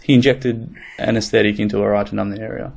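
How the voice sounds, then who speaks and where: Podcast co-host, man, deep fry-edged voice, easygoing and profane. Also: little pitch movement, fast talker, darkish tone. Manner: laid-back, swears, rambling with fillers. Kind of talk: casual chat.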